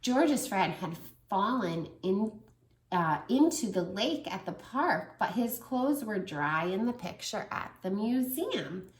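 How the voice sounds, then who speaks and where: This teacher in her thirties has a mid-range voice and reads slowly, pausing the picture book to quiz the toddlers listening. Her manner is warm and animated as a children's story reader, and the recording carries room echo.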